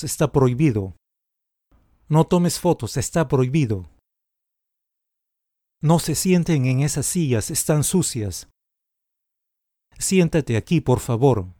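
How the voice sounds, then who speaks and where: A man reads short example sentences for language learners at a slow, unhurried pace. His voice is mellow and mid-pitched, and each word is carefully enunciated. The sound is dry and close. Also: no echo. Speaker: language teacher.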